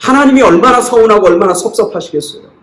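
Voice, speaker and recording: A male pastor preaching in a church sanctuary, his voice sitting a little high for a man. He leans hard on his main points and turns soft and slow for scripture. The room carries a clear echo. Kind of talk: sermon.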